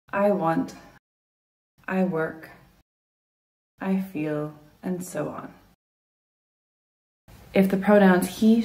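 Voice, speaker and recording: Mellow-voiced woman teaching grammar. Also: lowish voice. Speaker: English teacher. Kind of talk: scripted grammar lesson narration.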